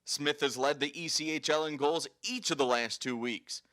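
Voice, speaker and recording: Bright, forceful male sports highlight host. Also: moderate pace. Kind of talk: scripted sports highlight narration.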